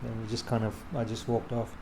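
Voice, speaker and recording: Man, rambling and halting, casual storytelling, busy city street, traffic noise. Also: lowish voice, completely flat delivery, a little mellow, low-quality recording. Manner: rambling, halting, many restarts and fillers. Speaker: street photographer.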